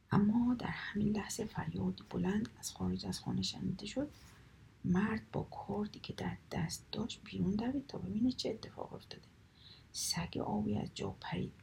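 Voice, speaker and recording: A woman softly whispering her way through a children's folk tale, in an unhurried storytelling manner. Her hushed voice has a dry, gravelly creak under it, at an ordinary pitch. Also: slight background noise. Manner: soft, calm reading.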